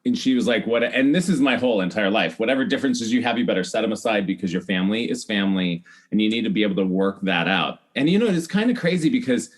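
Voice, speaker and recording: With a voice on the low side and lively intonation, a middle-aged American from Iowa talks at a quick pace with hardly any pauses. He's a celebrity hair stylist guesting on a podcast, animatedly telling personal stories in a chatty, emphatic way, often acting out quoted remarks and repeating for emphasis.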